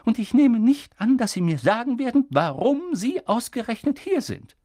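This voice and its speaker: A man voicing a stern, sharp-tongued elderly female witch professor in an audiobook reading, pushing his voice up high and insistent. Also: sing-song, moderate pace, full character voice. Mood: agitated. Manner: insistent, agitated, high strained voice. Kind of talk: audiobook character voice.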